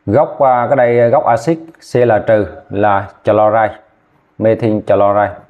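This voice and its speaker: Man, chemistry teacher, slow repetitive dictation, checks understanding often, slightly low voice. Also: steady tone, phone-quality sound. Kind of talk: classroom lesson, dictating formulas.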